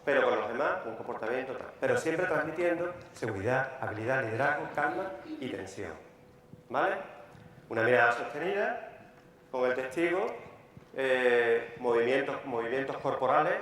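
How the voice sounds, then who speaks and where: A man's voice: medium pitch, fairly bright tone. Emphatic Spanish man in an echoey hall. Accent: Peninsular Spanish. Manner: brisk, emphatic, repeats key words. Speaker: lawyer leading a workshop. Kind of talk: live workshop lecture. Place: large conference hall. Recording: echoey hall, faint room noise.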